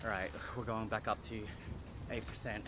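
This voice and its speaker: A man in his thirties with an Australian accent chats casually on a live stream while riding an indoor bike trainer at his home cycling setup, a little out of breath. His lowish voice has little pitch movement and a moderate pace, with background noise.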